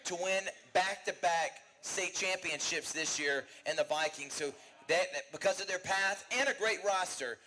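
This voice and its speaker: A man's voice: high-pitched, pushed and bright, low-quality recording. A man co-hosting a live sports talk show from a bar, rattling off team rankings with enthusiasm. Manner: fast, enthusiastic rundown of rankings. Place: bar and grill.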